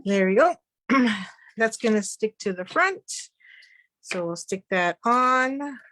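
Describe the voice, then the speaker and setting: A woman teaching a live virtual card-making class, chatty and quick to laugh at her own slip-ups. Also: fairly high pitch, lively intonation, a bit bright, no echo.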